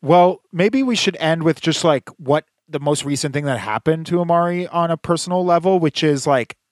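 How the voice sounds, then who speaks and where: A man's voice: a little high, dry recording. A man co-hosting a podcast in casual chat, rambling with lots of fillers and dry, sarcastic asides. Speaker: podcast co-host.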